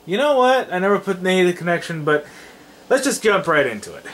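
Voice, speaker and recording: Animated young man hosting a game playthrough. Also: high voice, fast, a little hiss or hum. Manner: rambling, animated, trailing off with fillers. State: tired. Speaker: let's play host. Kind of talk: casual gameplay commentary.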